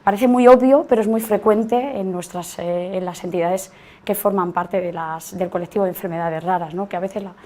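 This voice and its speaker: A woman leading a training workshop, talking in a reflective, halting way with frequent restarts. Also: on the low side, steady tone, a little mellow. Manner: hesitant, restarts often, reflective. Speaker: workshop facilitator. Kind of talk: informal workshop talk. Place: meeting room.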